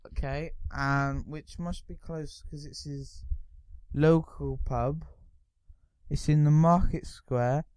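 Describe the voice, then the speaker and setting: Guy, podcast co-host, smooth mid voice, dry close sound, rambling with a crude streak. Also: on the high side, fairly even intonation, slow, darkish tone, no echo. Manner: rambling, swearing, mock-announcer asides. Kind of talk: casual banter with a friend.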